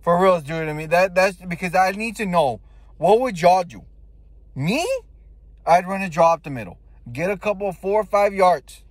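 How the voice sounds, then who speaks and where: A man's voice: high-pitched, moderate pace, no room sound. A man giving casual sports fan commentary in a blunt, emphatic way, with slang and swearing. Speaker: football fan giving game reaction.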